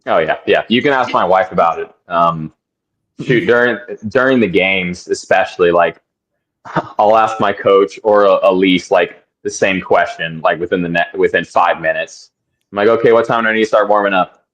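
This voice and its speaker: A man's voice: deep voice, moderate pace, fairly bright tone, rough recording. A young man, a guest athlete, chatting in a laid-back, rambling way on a podcast. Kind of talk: casual podcast chat.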